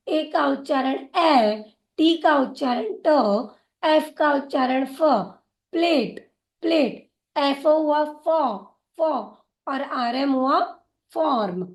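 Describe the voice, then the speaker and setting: Woman, phonics teacher, unhurried delivery, says each word twice. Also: high voice, lively intonation, reverberant. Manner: slow, patient, repeats each word twice. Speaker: English teacher. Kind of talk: phonics lesson, spelling out and sounding words.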